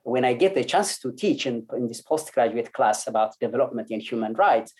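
Speaking quickly and expressively in a mid-range, slightly mellow voice, an Ethiopian lecturer contributes to an online academic panel. He often restarts his sentences and leans heavily on fillers.

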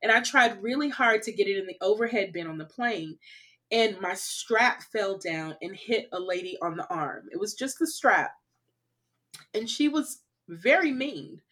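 A woman from California speaks as a guest on an interview podcast, telling personal travel stories in a loose, conversational way. She is animated, laughs easily, and fills her speech with "like" and "you know". Her voice sits in an ordinary middle pitch. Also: unhurried. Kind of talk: casual conversational storytelling.

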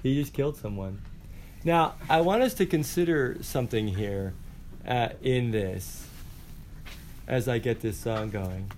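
A man teaching a high school class, lively and directing students to act out a scene. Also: unhurried, slight background noise, low-quality recording.

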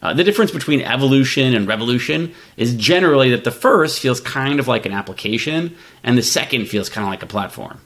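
This podcast co-host, who works as a venture capitalist, talks fast in a mid-range, a bit bright voice with lively intonation. He breaks down tech concepts analytically and conversationally, reasoning aloud with examples in a casual, explanatory discussion.

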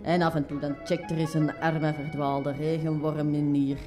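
A woman plays an easygoing worm hotelkeeper in a children's drama. She has a lowish voice and a Flemish accent, explaining things in a folksy, chatty way over clear background music. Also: flat delivery, normal speed, close to an everyday voice. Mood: matter-of-fact, chatty. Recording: music under the voice.

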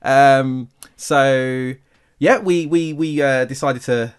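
A man's voice: medium pitch, steady tone, slow, clean tone. A man hosting a podcast in casual chat, rambling and stumbling over his words. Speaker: podcast host.

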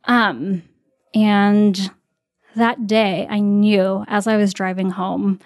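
A woman in her thirties recounts a personal story in a mid-pitched voice. She slips into animated impressions of the people she quotes, with ums and restarts in between. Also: very slow. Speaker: guest.

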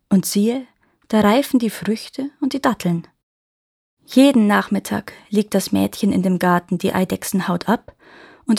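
Calm woman storyteller, mid pitch, dry close recording. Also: no room sound. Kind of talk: fairy tale reading.

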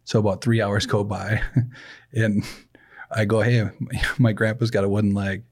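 A man's voice: lowish voice, level tone, measured pace. Laughing middle-aged man telling stories. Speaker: podcast host. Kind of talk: casual chat.

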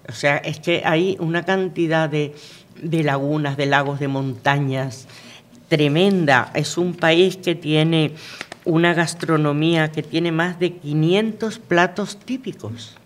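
On a local radio station's studio, a Venezuelan man co-hosts a relaxed chat, his voice somewhat high and his pace slow. He rambles and repeats words as he searches for them.

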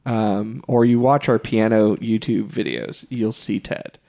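A man hosting a casual podcast conversation, speaking in a thoughtful, measured way. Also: on the low side, fairly even intonation, gravelly, warm tone. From Texas. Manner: thoughtful, measured, occasional laughs. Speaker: podcast host, music store employee.

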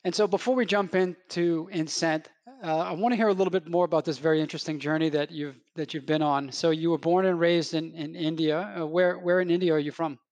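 Male podcast host, a touch high-pitched, relaxed questioning, dry close sound. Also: brisk, hardly any pauses, dry recording, muffled recording. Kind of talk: podcast interview.

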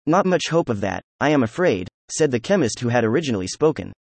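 A man narrates a story at a middle pitch, reading in an even, unhurried way. The sound is close and dry, with no room around the voice. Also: creaky, breathy edge, no room sound. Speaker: audiobook narrator. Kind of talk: scripted narration.

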